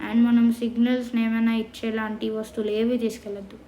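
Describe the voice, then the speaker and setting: A woman performing comic skit dialogue in an animated, bossy way. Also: fairly high pitch, quick pace, echoey room, slight background noise, low-quality recording. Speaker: comedy sketch performer.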